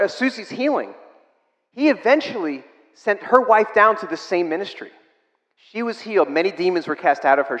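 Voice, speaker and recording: A man preaching a sermon, telling stories that rise to emphatic, excited bursts and then drop to hushed, soft passages. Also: high voice, in a large hall. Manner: storytelling, rising to emphatic bursts, dropping to soft near-whispers.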